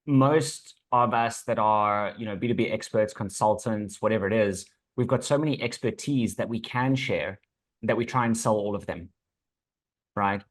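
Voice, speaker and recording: Low-pitched South African man giving advice. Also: moderate pace. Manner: assured, instructive, checks in with "right". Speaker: business consultant, podcast guest. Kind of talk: conversational advice.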